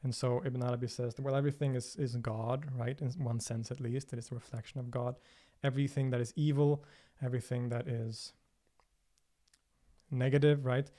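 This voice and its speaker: A Swedish man, a native Swedish speaker, hosts a casual livestream Q&A, answering viewer questions thoughtfully with lots of fillers and restarts. His voice is medium-pitched and dark-toned, delivered flatly at a slightly quick pace.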